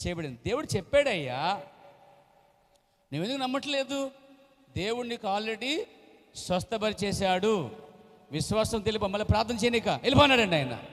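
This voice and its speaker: A man with a high voice preaches a sermon, swinging from quiet asides to loud acted-out shouts. His voice rings through a church hall with a long reverb. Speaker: pastor.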